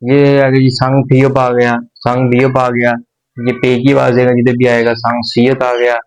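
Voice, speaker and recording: A man of average pitch teaching a beginner's language class. He explains step by step, slowly and patiently, pausing and repeating points as he goes. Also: completely flat delivery, smooth, low-quality recording. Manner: slow, patient explanation with pauses and repetitions. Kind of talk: explaining a lesson.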